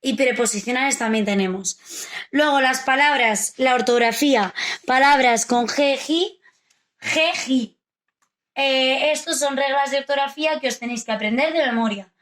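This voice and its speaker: A woman's voice: sits high, moderate pace, a bit bright. A woman teacher, explaining a grammar and literature lesson to children and often checking they follow. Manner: explains patiently, asks rhetorical checks like "vale?". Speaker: primary school teacher. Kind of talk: recorded remote lesson for children.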